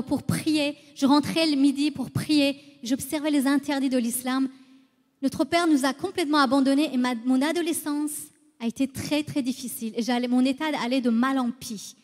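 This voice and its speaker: A woman with a high, slightly mellow voice, born in Iran and moved to France at eleven, gives her personal testimony as a guest at church. The recording is in a reverberant hall with a long echo.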